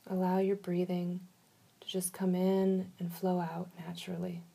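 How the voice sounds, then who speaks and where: A woman leading a guided relaxation in a soft, soothing manner, giving slow instructions with long pauses. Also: on the low side, monotone, creaky.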